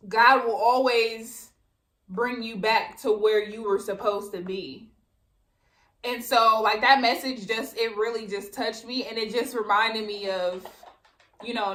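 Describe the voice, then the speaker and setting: A young woman vlogger chats and rambles between bites of food. Her voice sits a little high, and the room around her is noticeably echoey. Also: a bit bright. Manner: chatty, rambling, eats while talking. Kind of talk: casual mukbang chat.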